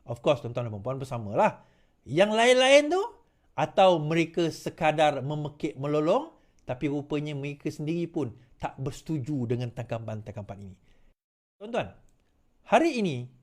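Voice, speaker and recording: A man's voice: on the high side, big pitch swings, moderate pace. A man with a Malaysian Malay accent giving political commentary to viewers, telling stories animatedly with laughs and slipping English phrases in.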